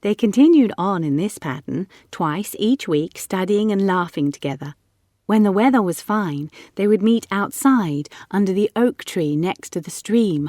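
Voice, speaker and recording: A woman narrating a short story audiobook in a measured storytelling manner. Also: mid-range voice, darkish tone, no room sound, clean studio sound. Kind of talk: scripted narration.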